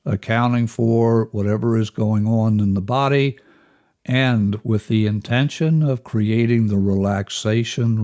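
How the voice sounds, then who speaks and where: Male relaxation instructor, average pitch, extremely unhurried delivery, measured step-by-step guidance for a breathing lesson. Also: a little mellow. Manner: measured, instructional, counting out steps.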